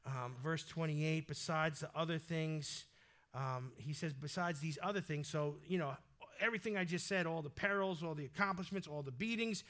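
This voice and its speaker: A male pastor preaching a sermon in a conversational, energetic way that breaks into loud exhortations. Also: a little high, normal speed.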